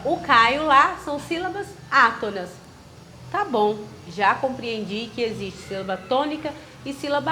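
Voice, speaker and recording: A woman's voice: a little high, sharp tone, slight background noise. Brazilian woman teaching, questioning pupils. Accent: Brazilian Portuguese. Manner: asks questions then answers them, syllable by syllable. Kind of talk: grammar lesson.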